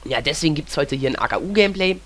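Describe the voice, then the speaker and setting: A young man with a cold chats casually about gameplay, rambling along and filling gaps with "ja." His voice is fairly high and fairly bright, animated and quick, the style of a gaming commentator.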